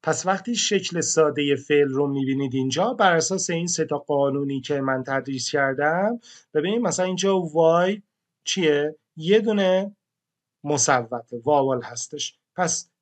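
A man explains a grammar rule to his class with his voice sitting a touch higher than most men's. He walks through it step by step and sounds out each letter separately. He calls his learners friends as he talks them through the pattern. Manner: addresses learners warmly as friends. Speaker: English teacher. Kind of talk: classroom-style grammar lesson.

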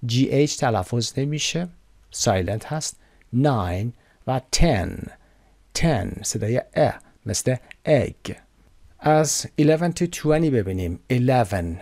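A man teaching English to learners, explaining slowly and clearly and drawing out each English word so it can be repeated. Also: mid-range voice, a little mellow, dry recording. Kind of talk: recorded online lesson.

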